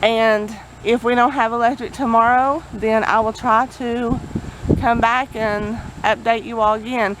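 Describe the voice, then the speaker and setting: A woman's voice: a little high, fairly even intonation, a little slow. A woman gives a casual vlog update outdoors in a folksy, rambling way, talking over generator and vehicle noise. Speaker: vlogger. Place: outdoors near a road. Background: generator and passing vehicles.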